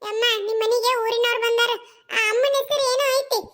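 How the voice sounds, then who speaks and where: A woman's voice: very high voice, fairly even intonation, fairly quick, fairly bright tone. A woman voicing bickering village women in a cartoon family, with a North Karnataka accent. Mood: fussing. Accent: North Karnataka Kannada. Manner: scolding, teasing banter.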